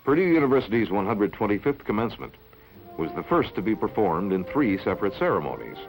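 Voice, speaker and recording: A man narrating an old newsreel in a measured, formal announcing manner. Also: fairly low pitch, very animated, faint music behind, poor audio.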